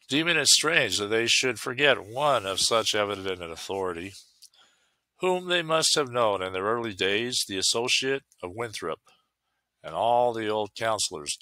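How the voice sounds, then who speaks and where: A man reads a classic tale aloud in a measured, solemn manner. His voice sits low but has a bright, forceful ring. The sound is dry and close, with no room echo. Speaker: storyteller. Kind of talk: reading a classic story aloud.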